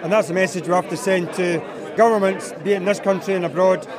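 A man's voice: high-pitched, steady tone, fast. A man with a Scottish accent, a mixed farmer, speaking hesitantly with many fillers. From East Lothian, Scotland. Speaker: livestock and arable farmer. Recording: crowd chatter behind.

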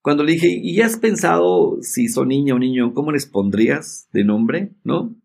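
A middle-aged man, a podcast guest telling a story in a lively way and acting out the voices in it. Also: a little high, normal speed, creaky, breathy edge. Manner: animated storyteller, acts out quoted dialogue. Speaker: podcast guest, entrepreneur and speaker. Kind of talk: casual storytelling chat.

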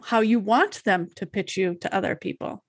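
A woman's voice: medium pitch, normal speed, no echo. A woman co-hosting a podcast in a casual, playful, bantering way. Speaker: podcast co-host.

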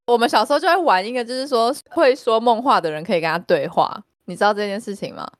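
Woman co-host, quick and animated, a bouncy voice for casual chat. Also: fairly high pitch, dry recording, studio quality. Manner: animated, eager storyteller. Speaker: podcast co-host.

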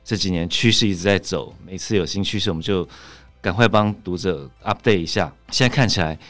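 A man's voice: low voice, fairly quick, fairly bright tone, no echo, faint music behind. A man with a Taiwanese accent hosting a conversational podcast like a public radio host, addressing listeners and explaining. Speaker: host, magazine editor-in-chief.

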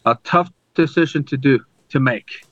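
A man co-hosting a podcast, chatting casually about sports, halting and restarting his sentences often. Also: medium pitch, fairly bright tone, no echo, highs cut off. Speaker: podcast co-host.

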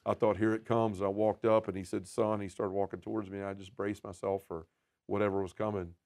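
A man telling his personal testimony as a podcast guest, earnest and emotional, often dropping to a soft, quiet voice. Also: fairly low pitch.

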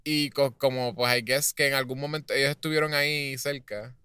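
A man in casual film chat, animated, acting out screams and slipping in English words. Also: mid-range voice, fairly quick, clean tone, no echo.

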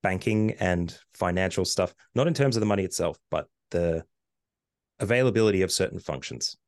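A man's voice: sits low, a little fast, dry recording, studio quality. A middle-aged Australian man, a podcast guest, chatting casually with hesitant fillers. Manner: relaxed, rambling with fillers and hesitations. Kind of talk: casual conversation.

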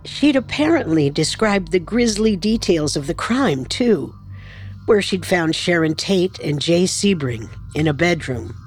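Female true crime narrator, lowish voice. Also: animated, faint music behind. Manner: measured, dramatic. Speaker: podcast co-narrator.

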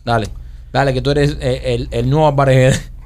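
A man's voice: mid-range voice, little pitch movement, fairly quick, crowd noise. A man co-hosting a comedy podcast, teasing the others and egging them on to tell jokes. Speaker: podcast co-host. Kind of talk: casual comedic banter.

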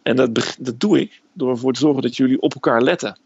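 Guy doing a stern army sergeant barking orders, gravelly, dull lo-fi sound. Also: medium pitch, fast talker, no echo.

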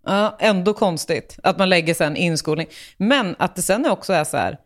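Curious woman asking questions in chat. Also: on the low side. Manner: curious, asks follow-up questions. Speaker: podcast co-host. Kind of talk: casual chat.

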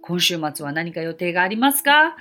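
A woman hosting a podcast as an English teacher, answering listener mail in a polite, chatty way and repeating English phrases slowly for practice. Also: fairly low pitch, big pitch swings, sharp tone, soft background music.

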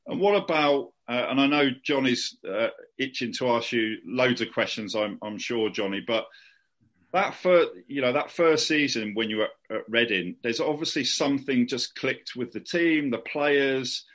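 A man's voice: medium pitch, moderate pace, a bit bright. A man hosting a podcast interview in a chatty, casual way. He strings out long, rambling questions with many restarts and fillers. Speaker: podcast host.

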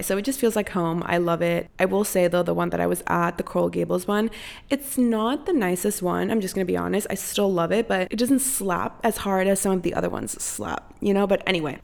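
A young Costa Rican woman hosts her own solo podcast from her apartment, chatting candidly and casually and swearing freely. Her voice is fairly low, with vocal fry.

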